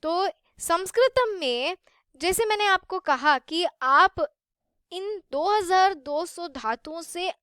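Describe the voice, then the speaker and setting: A woman's voice: extremely high pitch, expressive, slow, bright, forceful tone, no room sound, clean studio sound. A woman teaching a lesson, patiently repeating and rephrasing her points and mixing in English. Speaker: Sanskrit teacher. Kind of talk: explanatory lesson.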